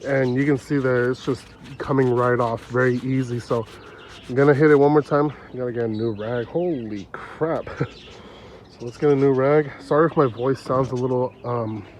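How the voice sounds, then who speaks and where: This car vlogger has a medium-pitched voice, a normal speaking speed, and a congested nose. Holding his phone outside in a yard while he works, he narrates an easygoing how-to, chatting and laughing often as faint outdoor noise plays behind him.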